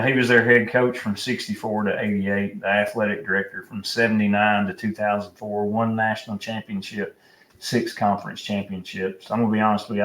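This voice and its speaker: At night in a room at home, a podcast host rambles through a laid-back sports conversation, packing his storytelling with fillers. His voice is on the low side and a bit bright, picked up by a distant mic with roomy echo and faint noise.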